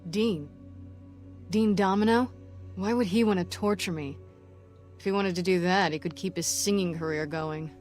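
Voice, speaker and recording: An actress playing a hardened, grim operative with a sore throat, speaking tersely in video game dialogue. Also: female voice, fairly low pitch, fairly even intonation, fairly quick, few pauses, soft background music, natural voice. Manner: terse, clipped, matter-of-fact.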